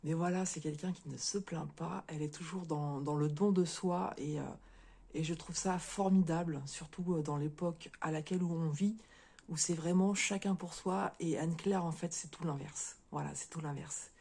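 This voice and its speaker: Hoarse woman, dark husky voice. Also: on the low side, steady tone, moderate pace. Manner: hesitant, many fillers and restarts. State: slightly hoarse. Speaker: crafting video creator. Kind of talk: casual unboxing chat to viewers.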